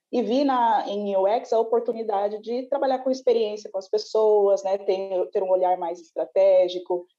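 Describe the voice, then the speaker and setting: A woman's voice: on the low side, dark tone, dull audio. A woman, a guest on a panel, telling her story reflectively and often adding tag questions. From Brazil. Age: 20s. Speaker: panel guest, community CEO. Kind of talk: conversational panel interview.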